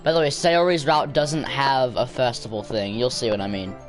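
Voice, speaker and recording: Young male streamer, loud, jokey, chats with viewers, game music behind. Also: medium pitch, steady tone, normal speed. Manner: loud, joking, talks to chat. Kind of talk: casual game stream commentary. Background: background game music.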